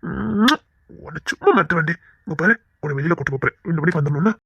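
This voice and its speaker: A man's voice: fairly high pitch, fast talker, creaky, bright, forceful tone, husky, dry recording, lo-fi sound, full character voice. A man with a Tirunelveli Tamil accent playing a flirtatious office boss who teases and wheedles. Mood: teasing. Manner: wheedling, teasing. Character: flirtatious male office boss, teasing and pleading. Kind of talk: village web-series acting.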